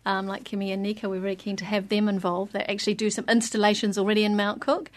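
A woman's voice: mid-range voice, level tone, fast talker. Chatty woman, interview guest. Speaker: project organiser, interview guest. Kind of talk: casual interview chat.

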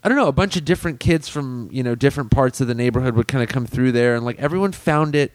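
Guy rambling thru a story in casual chat, smooth voice, dry close sound. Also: mid-range voice, fast, no echo. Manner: rambling, filler-heavy storytelling.

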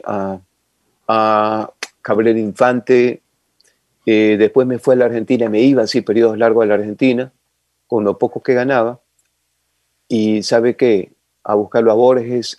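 Older man, fry-edged voice, lively reminiscing. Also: lowish voice, no echo, muffled recording. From Ecuador. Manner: animated, rambling reminiscence with sound effects. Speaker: guest. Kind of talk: casual storytelling interview.

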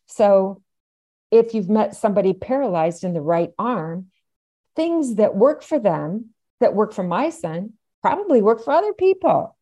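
A woman's voice: mid-range voice, lively intonation, measured pace, warm tone. A middle-aged or older woman, explaining things as an interview guest and stressing key points emphatically. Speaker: podcast guest, aphasia advocate.

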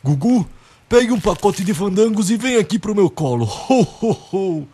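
A man's voice: high-pitched, sing-song, normal speed, dark tone, slight background noise. A man playing a jolly, earnest Santa Claus in an amateur radio drama, speaking formal, exclamatory Brazilian Portuguese. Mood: jovial, reassuring.

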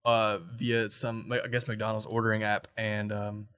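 A man's voice: on the low side, completely flat delivery, measured pace, a bit bright, no echo, studio quality. A man co-hosting a talk show in an informal, conversational way. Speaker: podcast and radio co-host. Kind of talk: casual chat.

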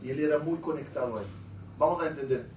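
A man's voice: a little high, fast, a little mellow. A middle-aged man, a rabbi, teaching a Torah class and quizzing his students with questions as he goes. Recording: echoey room, mic at a distance, faint hiss.

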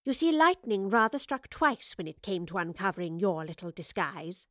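A woman voicing a composed woman professor who speaks in a cool, clipped, measured way. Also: medium pitch, big pitch swings, no room sound, clean studio sound, natural voice. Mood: cheery. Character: composed, stern woman professor, dry and unflinching.

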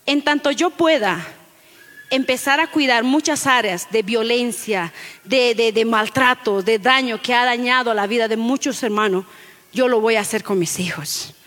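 High-voiced woman pastor preaching in a hall. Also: moderate pace. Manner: animated, acts out children's voices in quotes, addresses listeners as brother. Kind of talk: sermon.

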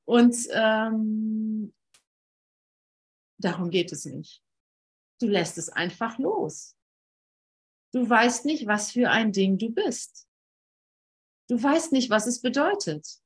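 A woman leading an informal spiritual teaching session, talking earnestly and emphatically, often repeating phrases and pausing. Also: fairly high pitch, animated, husky.

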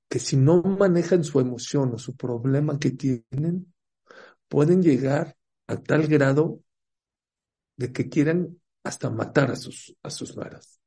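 A man's voice: mid-range voice, warm tone, husky. A man gives a religious talk, telling stories, asking the listeners questions and acting out the characters' voices. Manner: storytelling, asks the audience questions. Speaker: religious teacher.

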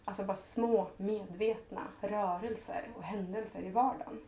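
A woman's voice: mid-range voice, steady tone, mellow. Earnest woman in an echoey room. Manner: earnest, heartfelt, speaks in long flowing thoughts. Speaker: podcast guest. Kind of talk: reflective personal conversation.

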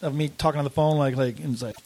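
A man's voice: fairly high pitch, steady tone, very fast, darkish tone. A man in his twenties with a whiny voice, a comedian guest on a podcast, rambling through stories full of fillers and swearing. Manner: rambling, profane storytelling with many fillers. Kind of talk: casual podcast chat.

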